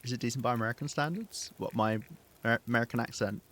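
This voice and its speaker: A man's voice: medium pitch, fast, fairly bright tone. A man with a Southern English accent chatting casually with his chat while streaming a game, talking freely and laughing often. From England.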